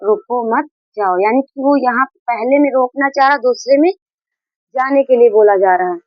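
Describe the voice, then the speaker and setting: A woman's voice: high-pitched, normal speed, no echo, dull audio. A woman teaching a grammar lesson, explaining patiently, repeating key points and mixing in English terms.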